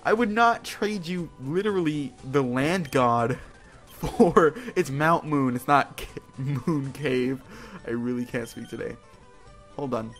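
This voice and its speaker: This gaming host talks slowly in a medium-pitched, slightly bright voice. During his casual playthrough he rambles on, exclaims and jokes at his own expense, while game music plays underneath.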